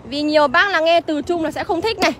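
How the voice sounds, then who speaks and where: A woman's voice: extremely high pitch, fast talker, fairly bright tone, a little hiss or hum. A woman with a Northern Vietnamese accent livestreaming from a used car lot, chattily rattling off car features and prices. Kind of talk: livestream sales pitch.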